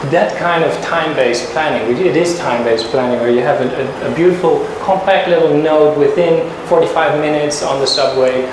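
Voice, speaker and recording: A man's voice: on the high side, moderate pace, hardly any pauses. Echoey, hesitant man defending a thesis. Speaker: doctoral candidate at thesis defense. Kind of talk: academic presentation and discussion. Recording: very echoey room, clear background noise.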